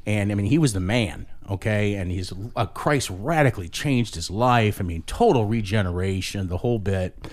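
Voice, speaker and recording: A man hosting a podcast, talking in a loose, animated way and often restarting and repeating his phrases. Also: lowish voice, normal speed, few pauses. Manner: talkative, animated, repeats himself. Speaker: podcast host. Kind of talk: casual interview chat. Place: New Orleans.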